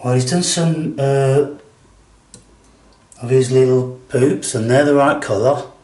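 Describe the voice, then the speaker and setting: Male, slow and blokey, casual coaxing pet talk, roomy home recording. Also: mid-range voice, dark tone. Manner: coaxing, blokey, says "mate". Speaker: animal carer filming a home feeding. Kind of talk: casual murmured chat to a pet. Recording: echoey room, faint noise and clicks.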